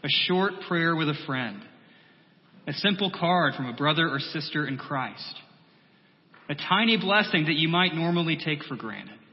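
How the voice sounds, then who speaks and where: A male pastor delivering a measured sermon, building through repeated phrases and dropping to a soft, quiet voice. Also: a little high, lively intonation. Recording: long hall reverb, muffled sound.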